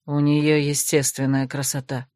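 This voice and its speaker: A woman voicing a stern, aloof young male necromancer in an audiobook, speaking calmly and with restraint. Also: low-pitched, measured pace, no room sound, clean studio sound, pitched below the performer's own voice. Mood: restrained.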